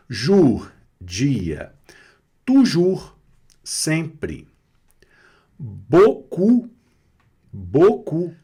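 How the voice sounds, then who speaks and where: Slow, lively Brazilian man teaching French. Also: medium pitch. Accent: Brazilian Portuguese, Minas Gerais. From Minas Gerais, Brazil. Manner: patient, drawn-out explanations with frequent "né?" and "tá certo?"; playful, joking asides. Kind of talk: online language lesson.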